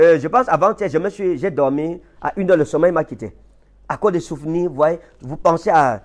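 A man with a Cameroonian French accent preaching a sermon, emphatic, swinging from high impassioned peaks to low quiet passages. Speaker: prophet preacher.

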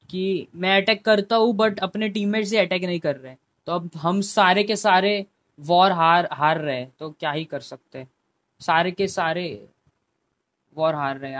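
A man's voice: high-pitched, fairly bright tone. A young man, chatting casually with viewers by name on his live game stream and pleading with them at times. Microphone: headphone mic.

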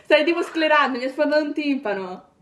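A woman's voice: high-pitched, expressive, brisk, a bit bright. A teenage girl from Italy making giggly, teasing phone calls to her fans for a vlog, chatting casually.

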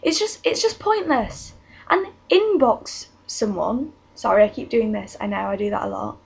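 A woman's voice: medium pitch, expressive, normal speed, creaky, slightly rough. A teenage girl, ranting casually in her vlog, exasperated and chatty, recorded on a webcam at home. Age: teens. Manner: exasperated, chatty, many restarts and "like". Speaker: vlogger. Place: bedroom at home.

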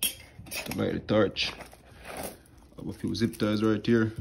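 The recording is very noisy. A young HVAC technician speaks slowly in a fairly low, gravelly voice with little pitch movement, walking through his tool bag at home on a wooden floor. He films his hands on a phone held close and describes each tool plainly, fillers and all.

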